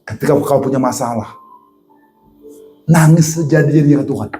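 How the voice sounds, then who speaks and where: A man preaching a lively sermon in a church, asking his congregation questions and acting out the voices in his stories. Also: mid-range voice, normal speed, faint music behind. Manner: animated, acts out voices, asks the congregation questions.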